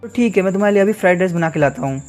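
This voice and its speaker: A man reading the lines of a sleepy, lazy young male teacher who is a skilled swordsman. He reads them in a flat, offhand way. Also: high-pitched, very fast, faint music behind, close to an everyday voice. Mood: grumbling.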